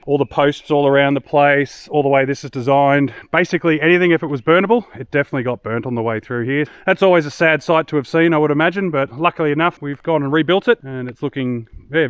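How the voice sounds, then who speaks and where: Quick, upbeat man vlogging. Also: mid-range voice, clear, resonant tone, no room sound. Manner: upbeat, chatty, relaxed. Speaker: 4WD camping vlogger. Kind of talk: casual vlog narration. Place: outdoors at a bush campsite.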